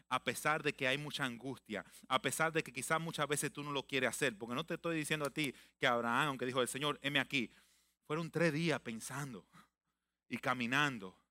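A man preaching a sermon emphatically, repeating phrases and swinging between loud declarations and hushed, reflective passages. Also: medium pitch, no room sound. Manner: mixes in English phrases.

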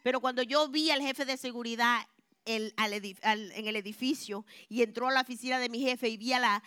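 A woman giving a religious testimony to a congregation, telling her story expressively and moving between hushed and loud. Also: on the high side, fairly even intonation, a little fast, clear, resonant tone, no room sound, studio quality. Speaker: church member giving a testimony.

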